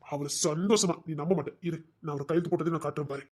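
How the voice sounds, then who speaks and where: A man's voice: fairly high pitch, very fast, a little mellow, lightly acted. A man with a Tirunelveli Tamil accent playing a remorseful young husband who tenderly coaxes his pregnant wife in a domestic drama. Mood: proud. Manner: tender, pleading, coaxing. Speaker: actor in a web series. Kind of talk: emotional domestic drama acting.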